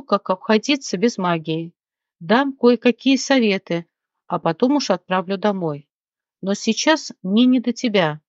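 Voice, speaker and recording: Storybook: woman as a composed high fairy, firm and measured. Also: darkish tone, dry recording, lo-fi sound, natural voice.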